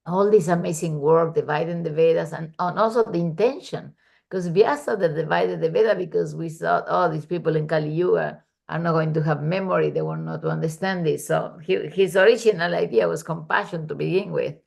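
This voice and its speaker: A woman with a deep voice and a gravelly edge leads a study group over a video call. She explains the text in a loose, conversational way, full of fillers and homely examples. She sounds like a teacher chatting rather than lecturing. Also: steady tone, brisk, darkish tone.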